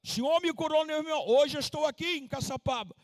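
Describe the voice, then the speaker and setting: A man in his seventies from Minas Gerais, a missionary pastor preaching a sermon, reading scripture slowly and preaching with fervent emphasis. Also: extremely high pitch, no echo. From Minas Gerais, Brazil. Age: 70s.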